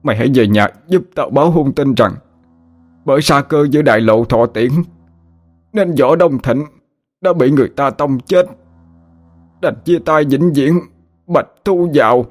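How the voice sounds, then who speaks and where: A man's voice: mid-range voice, measured pace, long pauses, faint music behind, voice pushed up, lightly acted. A man voicing a young male prankster who fakes his dying words in an overblown, theatrical wail. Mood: mock dying. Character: young male prankster faking death throes.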